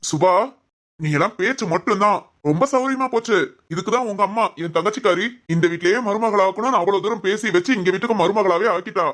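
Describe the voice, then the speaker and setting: A woman voicing a stern, domineering father who scolds his family in an animated family drama. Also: mid-range voice, quick pace, close to an everyday voice. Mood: scolding.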